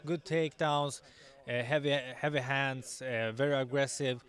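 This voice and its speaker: Young man, MMA fighter in interview. Confident, halting delivery, clean resonant tone. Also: medium pitch, steady tone, a bit bright, clear, resonant tone. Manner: confident, self-assured. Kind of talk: post weigh-in sports interview.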